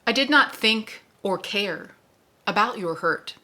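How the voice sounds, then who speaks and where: A woman reading aloud as a stern male gunslinger, calm and measured. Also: medium pitch, heavily acted. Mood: patient, stern. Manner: calm, measured, matter-of-fact.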